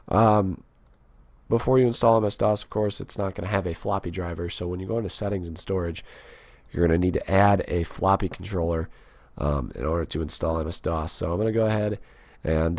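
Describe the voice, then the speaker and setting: Man with a cold, low voice, dry close sound, halting tech tutorial with lots of ums. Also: vocal fry, darkish tone, no echo. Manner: halting, with many uh and um fillers. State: sick with a cold and sore throat. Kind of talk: casual screen-recorded software tutorial.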